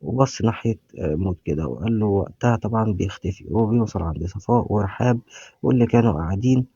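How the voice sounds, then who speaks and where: A man's voice: lowish voice, fast talker, warm tone, slightly rough, no echo, dull audio. A man with an Egyptian Arabic accent giving a casual recap of a TV series, retelling scenes and reading characters' lines aloud.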